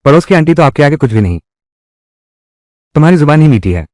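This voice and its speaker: A man's voice: a little high, sing-song, quick pace, darkish tone, no echo, studio quality. A man dubbing a family drama, voicing every role himself in a dramatic manner. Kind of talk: Hindi-dubbed drama, one voice for all roles.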